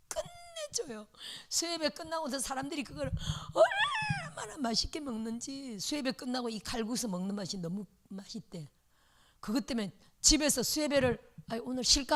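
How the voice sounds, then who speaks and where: A middle-aged woman pastor giving a sermon lecture, telling stories in an animated way with playful sound words. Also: on the high side.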